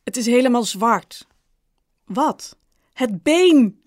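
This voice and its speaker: A woman's voice: medium pitch, steady tone, a little slow, no echo, studio quality, lightly acted. A woman reading the lines of a distraught man in hospital, tearful and then snapping angrily. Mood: agitated. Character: distraught middle-aged man, diabetic brother in hospital.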